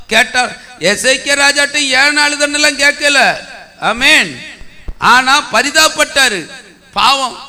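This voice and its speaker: A male pastor with a Tamil accent preaching a sermon, scolding and exhorting the congregation with sudden shouted bursts. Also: extremely high pitch.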